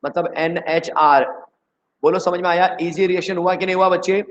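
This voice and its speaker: A man from India teaching chemistry in an energetic online exam-prep lecture, who keeps quizzing his students. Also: high voice, normal speed, highs cut off, a little hiss or hum.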